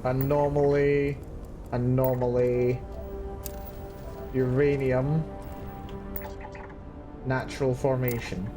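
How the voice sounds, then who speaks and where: A man's voice: medium pitch, flat delivery, slow, long pauses, over music. A man streaming a video game from his seat indoors, chatting casually and musing aloud on tangents as he plays. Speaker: let's play streamer. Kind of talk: live gameplay commentary.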